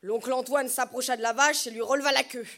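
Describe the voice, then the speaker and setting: A woman narrating a novel as an audiobook, measured and dropping soft at the ends of phrases. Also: high voice, fairly even intonation.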